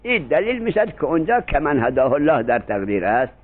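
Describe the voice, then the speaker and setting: Older man teaching, lively pitch, tinny. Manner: animated, acts out quoted dialogue, slow when reciting verses. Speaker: seminary teacher. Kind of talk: Arabic grammar lesson with storytelling.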